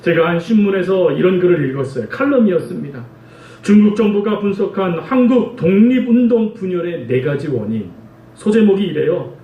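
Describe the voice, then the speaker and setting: A male pastor giving a sermon, with emotive preaching that swings from hushed confession to raised pleading. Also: sits high. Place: church sanctuary. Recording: echoey church hall, mic from a distance.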